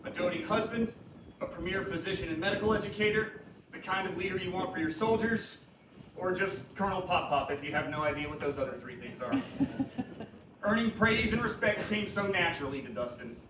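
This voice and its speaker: A man's voice: sits high, lively intonation, brisk. A tearful man giving a eulogy, his voice close to cracking, with wry self-deprecating humor. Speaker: eulogist, army physician. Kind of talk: eulogy speech. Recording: echoey room, distant mic, background noise.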